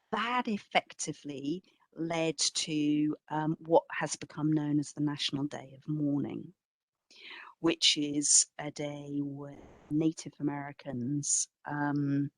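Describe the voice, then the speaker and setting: Here an exhibition curator, a woman invited as a guest speaker, answers a question in an online talk by explaining through storytelling and leaning on emphatic phrasing. She speaks in a low register, and the audio carries no room sound.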